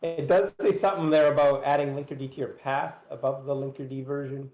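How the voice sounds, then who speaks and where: A man's voice: mid-range voice, flat delivery, a little fast, darkish tone, echoey room. A man as guest expert explaining technical details casually, hedging with fillers.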